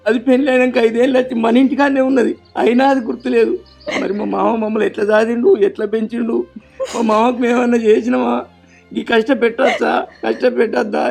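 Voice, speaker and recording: A man's voice: very high voice, gravelly, a little mellow, full character voice. An actor with a Telangana Telugu accent playing a grieving older father who laments at length. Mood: lamenting. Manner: pleading, lamenting in long rural laments. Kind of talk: family web drama acting.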